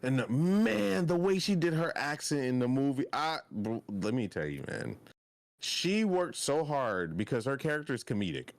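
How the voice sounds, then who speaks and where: Animated young man gushing in casual chat. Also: medium pitch, normal speed, no echo, studio quality. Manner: excitable, gushing, trails off mid-sentence. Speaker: podcast co-host.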